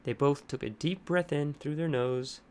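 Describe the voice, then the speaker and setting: A man narrating a horror story in a steady, measured way. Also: a little high, smooth.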